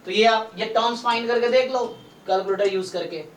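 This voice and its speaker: A man's voice: high-pitched, a little fast. Distant, roomy-sounding man teaching maths. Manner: explains step by step in Hindi-English mix, checks understanding with questions. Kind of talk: doubt-clearing online class. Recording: roomy, distant mic, faint noise.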